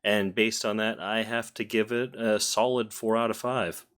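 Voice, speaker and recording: A man's voice: fairly low pitch, steady tone, moderate pace, a bit bright. A man co-hosting a casual review discussion, amused and thoughtful. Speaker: podcast co-host.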